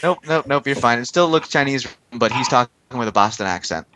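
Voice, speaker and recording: Bright-voiced male game master. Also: mid-range voice, fairly quick, slight background noise. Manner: relaxed, loose, frequent fillers. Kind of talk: narrating a tabletop game on a stream.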